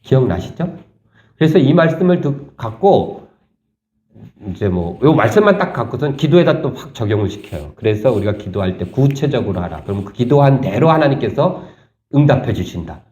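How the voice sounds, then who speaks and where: A male pastor preaching a sermon, animated and quizzing his congregation with questions. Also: mid-range voice, moderate pace. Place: church sanctuary. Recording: echoey church room, slightly dull sound.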